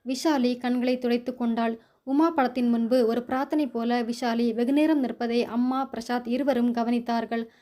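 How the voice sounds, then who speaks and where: A woman reading a short story aloud as a storyteller, steady and gentle. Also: on the high side, moderate pace.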